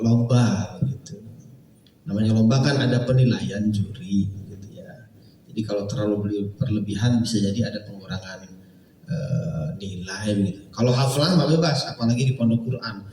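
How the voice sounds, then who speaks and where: Man, recitation teacher giving feedback, mellow voice, distant mic, echoey hall. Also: lowish voice, slight background noise. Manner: casual, chuckling, many filler phrases. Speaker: Quran recitation teacher and judge. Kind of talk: feedback talk to students.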